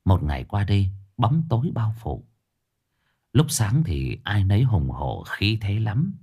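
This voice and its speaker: A man's voice: fairly low pitch, measured pace, husky. A man narrating a ghost story and acting out every character. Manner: lively, acts out every character.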